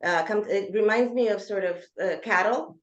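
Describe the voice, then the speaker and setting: A woman in her thirties, from Georgia, a guest author telling her life story in an interview with earnest, hesitant phrasing full of ums. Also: medium pitch. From Georgia (former Soviet Union). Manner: earnest, frequent ums, speeds up and slows down. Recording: echoey, dull lo-fi remote audio.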